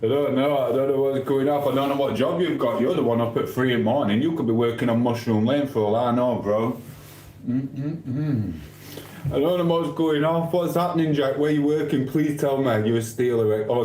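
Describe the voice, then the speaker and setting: His voice is medium-pitched and mellow, at a normal speed, carrying a Yorkshire accent: a middle-aged Sheffield man doing a late-night livestream from his kitchen. Heavy on banter and mock trash talk, he rambles along, captured on a rough, echoey recording with slight hiss or hum.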